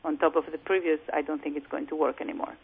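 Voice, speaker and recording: A woman's voice: low-pitched, steady tone, gravelly, breathy edge. Woman broker on a tinny phone line. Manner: measured, lots of "you know" fillers. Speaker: real estate broker and coach. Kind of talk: phone-in interview. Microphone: telephone.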